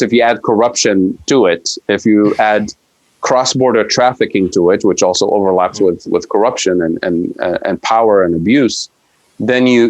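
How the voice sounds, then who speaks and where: Somewhat low-voiced Tunisian-born man explaining. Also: darkish tone. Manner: thoughtful, explanatory, frequent restarts and fillers. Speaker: economics professor, guest. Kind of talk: conversational podcast interview.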